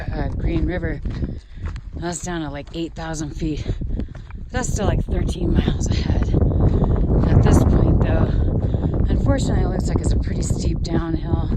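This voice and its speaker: A woman vlogging on a high mountain trail, wry and exclamatory, cheerfully complaining and swearing casually, filmed on a handheld camera outdoors. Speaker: long-distance hiker vlogging the trail. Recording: loud wind noise, outdoors.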